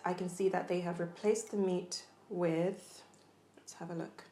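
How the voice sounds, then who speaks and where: A young Nigerian food vlogger with a lowish, dark voice talks unhurriedly with fairly even intonation during a casual mukbang. She chats and eats between lines, using many ums, in an echoey room.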